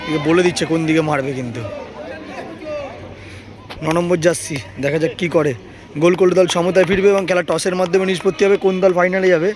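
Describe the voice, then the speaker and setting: A man's voice: high-pitched, fairly even intonation, fast, pauses often. A man giving live football commentary on a penalty shootout, repeating phrases for emphasis, recorded outdoors. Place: outdoors at a local football match. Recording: outdoor recording with crowd noise.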